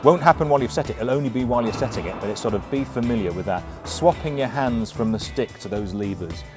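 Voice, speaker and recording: A middle-aged or older man giving an informal, hands-on briefing as a flight instructor, explaining in a halting, self-correcting way. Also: medium pitch, lively intonation, music in the background.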